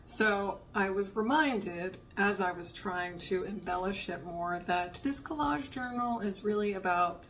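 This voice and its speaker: Slow, rambling woman chatting about her crafts. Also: medium pitch, fairly bright tone, slight background noise. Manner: rambling, thinking aloud. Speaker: art vlogger. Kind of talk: casual show-and-tell of an art journal.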